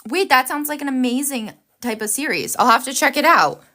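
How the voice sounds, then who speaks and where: Woman, livestream host, bright chatty voice, upbeat and reacting to chat. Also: sits high, animated, a little fast.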